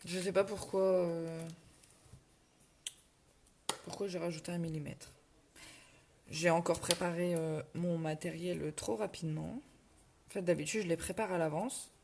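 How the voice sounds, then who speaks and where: A middle-aged woman with a Ch'ti accent talks through a crafting tutorial on a live stream, full of fillers and restarts. Her voice sits a little low. Faint noise and small clicks run behind her home recording. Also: fairly even intonation, unhurried, vocal fry, pauses often, darkish tone. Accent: Ch'ti (northern French). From northern France. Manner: chatty, self-correcting, many fillers, reads viewer comments aloud.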